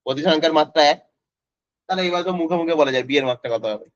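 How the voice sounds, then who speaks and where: A man's voice: on the high side, rapid-fire, no echo. A male physics tutor, teaching an online class in a casual way and quizzing students by name. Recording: dry, slightly dull lo-fi audio.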